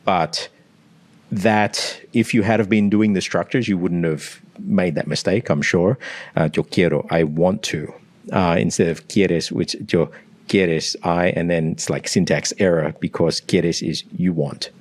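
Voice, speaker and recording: A man's voice: deep voice, steady tone, unhurried, dry recording. An Australian man working as a language coach, breaking down pronunciation and modelling individual sounds as he explains. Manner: demonstrates sounds, analytical.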